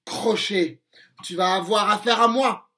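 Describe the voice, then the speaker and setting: A brave, cocky boy hero calls out high and loud, taunting his enemy, as a man reading the story puts him on. The storybook delivery stays slow. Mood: defiant.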